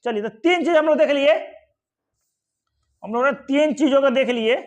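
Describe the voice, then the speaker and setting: Guy teaching geography off a map, high voice, asks stuff then answers it himself, keeps saying ok and easy, kinda muffled lo-fi sound. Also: normal speed. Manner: asks questions and answers them himself, repeating "ठीक है" and "आराम से". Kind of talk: exam-prep geography lesson at a map.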